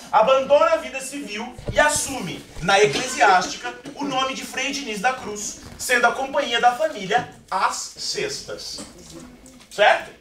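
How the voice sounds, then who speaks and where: A man teaching a literature class, joking and often laughing as he checks in with the students. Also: extremely high pitch. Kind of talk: classroom lecture. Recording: echoey classroom from far off, student chatter.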